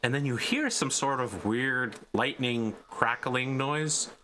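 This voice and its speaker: A man's voice: mid-range voice, slow, sharp tone. A man casually narrating a tabletop game as game master. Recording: faint background noise.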